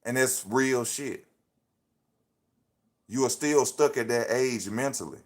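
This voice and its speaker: A man in his thirties hosts a livestream from his phone, giving a casual motivational talk packed with slang and repeating his points like a preacher. His voice is mid-range and he takes it slowly.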